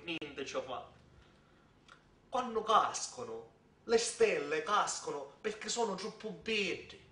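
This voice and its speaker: A man with a southern Italian, Sicilian accent telling a tale theatrically, with dramatic repetitions and pauses. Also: a little high, a bit bright. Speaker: theatre storyteller. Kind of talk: theatrical oral storytelling in Sicilian dialect. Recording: echoey room, distant microphone.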